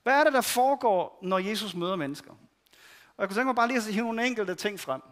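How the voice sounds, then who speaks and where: A man's voice: high voice, lively intonation, a bit bright. A man giving a sermon, telling the stories in a conversational way and voicing the people in them. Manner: conversational storytelling with quoted voices. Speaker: preacher.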